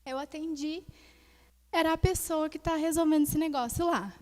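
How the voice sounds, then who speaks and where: A young woman minister with a high voice tells a personal testimony from the pulpit. She keeps it animated and speaks straight to her congregation, drawing them into the story. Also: normal speed. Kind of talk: testimony in a sermon.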